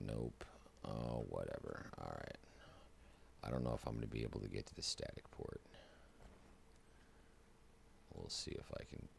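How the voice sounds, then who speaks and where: A man with an extremely low, gravelly voice gives chatty, self-mocking commentary over a flight sim stream. He talks through each cockpit step as he goes, with a faint hiss of noise underneath. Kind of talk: casual gameplay commentary.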